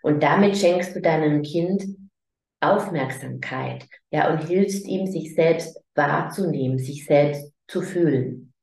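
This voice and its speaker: A middle-aged woman, a spiritual coach, giving a calm spoken talk in a gentle, soothing manner that often softens into quiet phrases spoken to a child. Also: deep voice, slow pace, gravelly, reverberant. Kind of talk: calm spoken teaching monologue.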